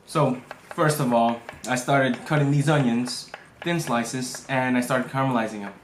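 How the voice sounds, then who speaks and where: A man who is a chef, casually explaining cooking steps in a halting, step-by-step way. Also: medium pitch, fairly even intonation, a little hiss or hum. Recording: echoey room.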